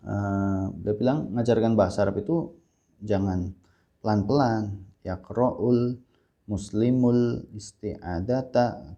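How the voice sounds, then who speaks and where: Gravelly-voiced teacher, dark tone. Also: male voice, lowish voice, muffled recording. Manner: models Arabic sentences slowly and repeats them for the listener to imitate; clears his throat often. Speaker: Arabic teacher. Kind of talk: classroom-style language lesson.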